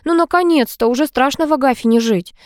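A woman's voice: high voice, quick pace, no room sound, studio quality, voice pushed up, close to an everyday voice. A woman voicing a pushy, quarrelsome middle-aged housekeeper who fires off indignant questions in an audiobook. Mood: exclaiming.

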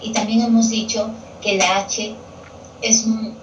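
A woman's voice: on the high side, level tone, slow, recorded from a distance, highs cut off. A woman teacher explaining grammar to students, patiently repeating key terms. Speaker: Spanish language teacher. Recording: echoey room picked up from afar with television noise.

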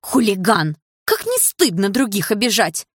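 A woman reading an audiobook, voicing a scrawny, scolding middle-aged passerby with a shrill, loud, indignant manner. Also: animated, a little fast, dry recording, clean studio sound.

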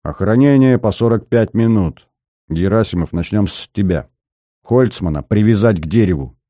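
Calm wry lieutenant, low dark voice, steady orders, read by a man. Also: normal speed, dry recording, studio quality. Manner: level, commanding, wry. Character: calm young male lieutenant, dry commander.

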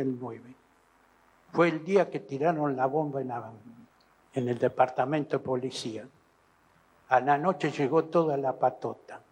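A man with an Argentine Spanish accent giving halting testimony, repeating and restarting as he retells events, in an archive recording. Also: mid-range voice, a little mellow, a little hiss or hum. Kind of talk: recounting testimony. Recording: archive recording in an echoey hall.

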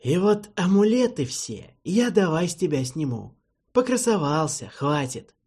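A man's voice: fairly high pitch, big pitch swings, a little slow, a little mellow, slightly rough, voice pushed up, full character voice. A man voicing a brusque, mocking young airship crewman in an audiobook. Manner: curt, mocking. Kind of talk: audiobook character voice.

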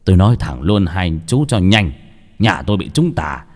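A man voicing a gruff, newly rich middle-aged man in a ghost story, speaking low and slow. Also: very animated, darkish tone.

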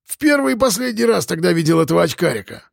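A man's voice: sits high, expressive, fast, vocal fry, no echo, clean studio sound, voice pushed up, heavily acted. A man voicing a whiny, unshaven male petty thief who sniffles and pleads in a raised voice. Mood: flustered.

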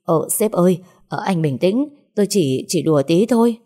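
A woman's voice: on the low side, lively intonation, fairly quick, mellow. A woman voicing a drunk, lecherous older male sales manager who blusters and then grovels, stammering through fillers. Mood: pleading.

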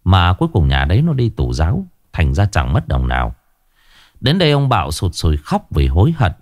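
A man narrating a horror story in a lively, expressive reading. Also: deep voice, brisk, no echo, clean studio sound.

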